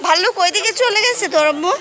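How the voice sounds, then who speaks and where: A woman, filming at a zoo and gently coaxing her small child while pointing things out. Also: very high-pitched, lively intonation, very fast. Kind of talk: casual vlog narration. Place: outdoors at a zoo garden. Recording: noisy outdoor ambience.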